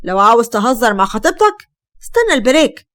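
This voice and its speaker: A woman's voice: fairly high pitch, big pitch swings, fast, a bit bright. A woman with an Egyptian Arabic accent voicing a firm, caring male boss giving advice. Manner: firm, advising.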